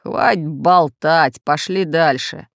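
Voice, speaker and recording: A woman voicing a gruff male pirate who grumbles at everyone. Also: sits low, steady tone, a little fast, darkish tone, dry recording. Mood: grumbling.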